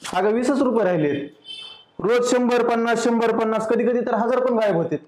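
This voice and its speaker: An actor playing a husband loudly questioning his wife about missing money. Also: extremely high pitch, moderate pace, roomy sound. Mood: accusing. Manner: accusing, loud.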